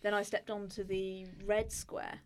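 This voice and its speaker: A woman's voice: medium pitch, little pitch movement, a little slow. A woman playing a tabletop game, talking through her moves with the group. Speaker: player.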